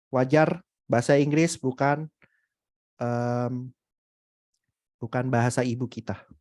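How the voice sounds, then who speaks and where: A young man talks casually in an upbeat webinar, his voice sitting at a middling pitch. He speaks in animated bursts and often stops on hesitant "em" and "eh" fillers. The sound is close and dry, with no room echo. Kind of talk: casual motivational webinar talk.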